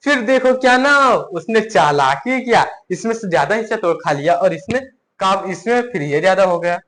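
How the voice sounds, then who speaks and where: High voiced guy teaching little kids math through a story, lively, asks lots of questions. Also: moderate pace. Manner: animated, asks the listeners questions. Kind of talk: storytelling math lesson for children.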